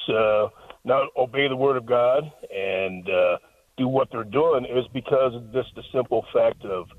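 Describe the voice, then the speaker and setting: A man's voice: medium pitch, no echo. A man calling in to a radio show over a phone line, talking earnestly at length and quoting scripture. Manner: earnest, talkative, quotes scripture. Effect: heard over a phone line on the radio. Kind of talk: caller on a call-in radio show.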